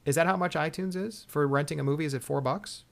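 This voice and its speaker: A man's voice: on the high side, fast talker, gravelly. A man co-hosting a casual tech show, griping with exasperation about a product he is reviewing.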